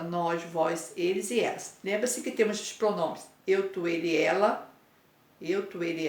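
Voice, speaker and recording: A woman teaching Portuguese grammar to pupils in a Brazilian accent, patiently spelling out word endings and checking in with "né?" and "tá?". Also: medium pitch. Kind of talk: explaining homework to pupils. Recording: echoey room.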